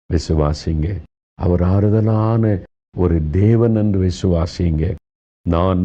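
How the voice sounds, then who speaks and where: A man preaching a devotional sermon, slow and earnest, consoling his listeners and speaking to them directly. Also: sits low, muffled recording.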